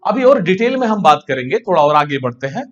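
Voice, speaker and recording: Lively high-voiced male science teacher. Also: lo-fi sound. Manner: asks questions and answers them himself, drawn-out key terms. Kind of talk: classroom lecture.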